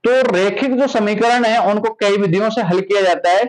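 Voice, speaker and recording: A man with a high voice explains a maths lesson step by step. He keeps asking his students questions and then answers them himself. He checks in with them again and again as he goes. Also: normal speed, poor audio. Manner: repeats "ठीक है" often, asks rhetorical questions. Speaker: maths teacher.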